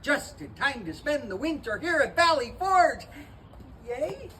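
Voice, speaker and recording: Unhurried, with big pitch swings and an exaggerated voice, a man performs a boastful giant soldier, a cheerful, towering young man born in Portugal. He tells the story playfully and theatrically, booming one moment and hushed the next. A distant mic in a historic park picks up crowd and outdoor ambient noise.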